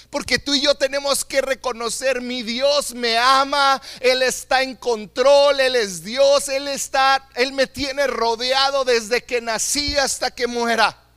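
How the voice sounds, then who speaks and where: A man's voice: extremely high pitch, fairly even intonation, slow pace, bright, forceful tone, smooth, no echo. A man preaching a sermon as a pastor, earnest and emphatic, repeating phrases for stress.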